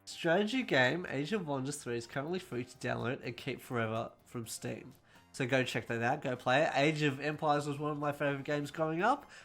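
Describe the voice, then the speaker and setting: Rambling quick-talking male gaming host. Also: mid-range voice, a bit bright, faint music behind. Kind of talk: casual gaming news roundup.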